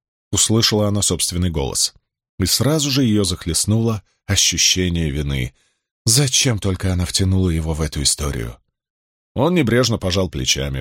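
A man narrating an adventure novel in an expressive, measured voice. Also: low voice, no echo, studio quality. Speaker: audiobook narrator. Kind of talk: scripted narration.

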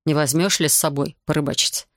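A man voicing a calm, wry official. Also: a little high, a little fast, no room sound, studio quality, lightly acted. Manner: even, quietly ironic. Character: calm, wry male official, sober and composed.

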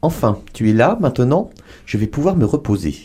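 A man's voice: mid-range voice, big pitch swings, brisk, warm tone, husky. A man voicing a loyal, tired male cheetah who speaks with weary dignity. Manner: dignified, weary, a little sad.

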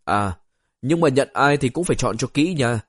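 A man's voice: medium pitch, lively intonation, moderate pace, dry recording, clean studio sound, close to an everyday voice. A man doing a blunt, needling old wanderer. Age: older. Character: grumbling old male wanderer, teasing.

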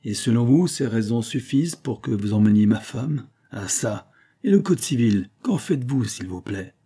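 A man's voice: mid-range voice, lively intonation, normal speed, warm tone, husky. A man reading a novel aloud voices a bitter, menacing husband, sarcastic and vehement, his voice raised above his narration. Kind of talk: audiobook character reading.

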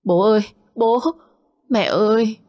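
A woman's voice: medium pitch, steady tone, slow, mellow, voice pushed up, natural voice. A woman voicing a young grieving daughter who cries out and sobs in a told story. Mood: wailing. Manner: crying out, wailing.

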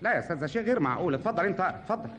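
A man's voice: high-pitched, animated, racing, fairly bright tone. A man playing a fussy, theatrical show host with an Egyptian accent in a 1950s radio comedy, insisting on every detail. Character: fussy male show host coaching his assistant. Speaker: comic show presenter. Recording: hissy 1950s radio archive.

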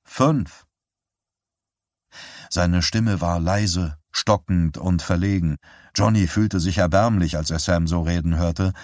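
A man reads a novel aloud as an audiobook narrator, calm and measured. His voice sits fairly low, and the recording is dry and close with no room sound. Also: no room sound.

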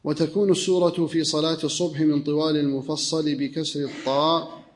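Flat-voiced man reading a text aloud. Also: on the high side, fairly quick. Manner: steady recitation-like reading.

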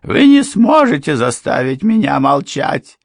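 A man reading an audiobook and voicing a frightened middle-aged woman housekeeper with a high, shrill, tearful voice. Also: big pitch swings, unhurried, vocal fry, no echo, clean studio sound, full character voice. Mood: defensive.

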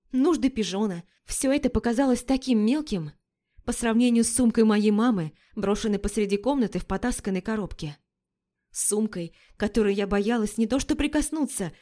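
A woman reading a first-person story aloud in a measured, expressive storytelling manner. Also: a little high. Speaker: audiobook narrator. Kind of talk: first-person scripted narration.

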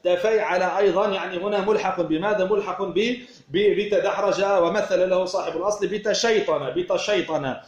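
A man's voice: high voice, a little fast, roomy sound, highs cut off. A man teaching Arabic word patterns from a verse text, repeating key words and asking questions he then answers himself. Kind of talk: explaining a verse text line by line.

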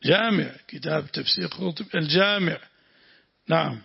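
A man teaching Quran exegesis speaks at a moderate pace in a husky, high-leaning voice with vocal fry and a Lebanese accent. While the text is read, he repeats the reader's words, explains, and tests his students. The lo-fi recording sounds dull.

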